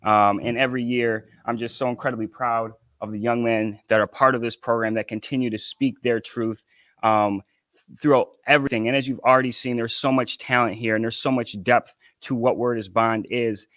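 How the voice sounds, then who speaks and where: A man speaking as an executive director at a community event, earnest and proud with a slightly halting delivery. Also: medium pitch, level tone, a bit bright, dry recording.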